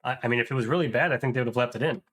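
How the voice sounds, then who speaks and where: A man's voice: medium pitch, very fast, a bit bright. A young adult man reacting to a clip in casual commentary, thinking aloud with frequent hesitations and restarts. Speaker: video reaction host.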